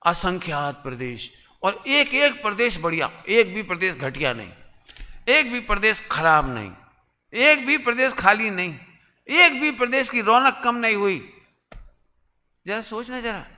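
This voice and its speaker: Preacher guy giving a sermon, high bright voice, slow, big echoey hall. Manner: animated, questioning the listeners, sudden high exclamations. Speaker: Jain preacher. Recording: echoey hall with long reverb.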